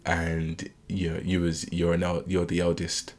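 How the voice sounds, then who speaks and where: Podcast co-host, British man, very low voice, curious and probing. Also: monotone, unhurried. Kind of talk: casual chat.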